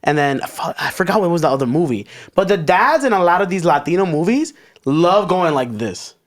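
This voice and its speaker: A man's voice: high voice, big pitch swings, brisk. A man co-hosting a casual podcast chat, joking and teasing, often laughing. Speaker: podcast co-host.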